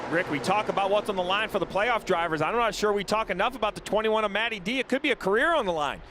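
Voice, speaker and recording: High, quick-talking male race analyst. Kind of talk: live motorsport commentary, explanatory. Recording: clear vehicle noise behind the voice. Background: race cars and outdoor track noise.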